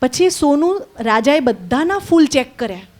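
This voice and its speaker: A woman teaching children at a camp, leading slow repeat-after-me blessings and telling a story with questions to the group. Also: high voice, animated, darkish tone. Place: indoor camp hall with children.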